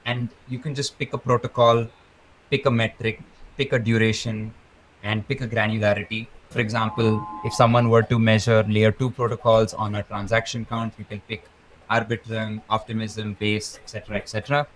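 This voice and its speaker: Guy on a podcast walking through data stuff step by step, lowish voice, bit of hiss behind. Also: little pitch movement, moderate pace, low-quality recording. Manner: fluent, methodical, rattles off lists. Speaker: guest, crypto research lead. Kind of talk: explanatory interview talk.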